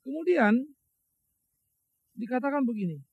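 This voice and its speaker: A man's voice: extremely high pitch, sing-song, a little slow, darkish tone, slightly rough. A middle-aged male pastor preaching a sermon, emphatic, asking rhetorical questions and answering them himself, talking straight to his listeners in a colloquial way. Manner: addresses listeners as brothers and sisters, colloquial asides. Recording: muffled, slightly lo-fi, dry.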